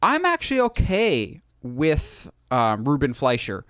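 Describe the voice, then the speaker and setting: A man's voice: fairly high pitch, huge pitch swings, a little slow, a bit bright, no echo, clean studio sound. A man hosting a podcast, talking in an enthusiastic, opinionated way in casual chat. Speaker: podcast host.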